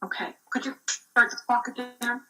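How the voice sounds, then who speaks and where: A woman's voice: on the high side, fairly even intonation, moderate pace, sharp tone, soft background music, poor audio. A woman giving public comment over a remote call whose audio breaks up and drops out, as she hurriedly checks that she can be heard. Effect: remote call breaking up and dropping out. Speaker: public commenter at a council hearing.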